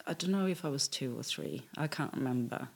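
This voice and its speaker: Born in Tanzania and raised in Sweden, this fiftysomething guest, who learned English first and Swedish second, chats about her life, frequently laughing and leaving sentences unfinished. Her voice is extremely low, husky, and creaky, very animated and fairly quick.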